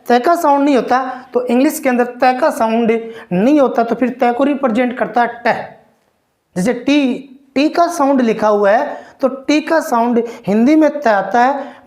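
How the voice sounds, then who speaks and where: A woman's voice: fairly high pitch, a little mellow. A woman teaching an English phonetics lesson, going through sounds one by one, repeating them and asking the class questions. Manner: slow, repeats each sound and quizzes listeners.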